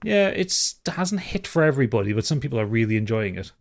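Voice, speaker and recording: A man co-hosting a casual podcast speaks quickly in a medium-pitched, sing-song voice. He reads out listener feedback and chats with dry humour and some swearing.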